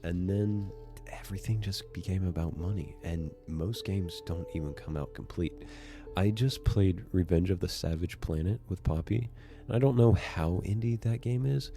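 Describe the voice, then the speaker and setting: A man narrating a casual video essay, excitable and swearing freely as he gushes. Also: sits low, normal speed, creaky, faint music behind. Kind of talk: casual enthusiastic commentary.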